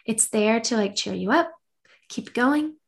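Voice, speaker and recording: A woman's voice: a little high, lively intonation, a little slow, creaky. A young woman co-hosting a podcast, talking in an earnest, upbeat, rambling way. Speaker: podcast co-host. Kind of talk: casual chat.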